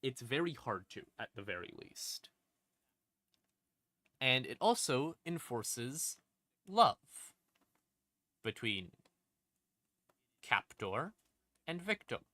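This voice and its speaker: A livestream host with a bright, forceful, mid-range voice gives a casual lore explanation to a live audience, wry and informal. He speaks in short, sing-song phrases separated by pauses, hitting certain words with punchy stress. The recording is close and dry.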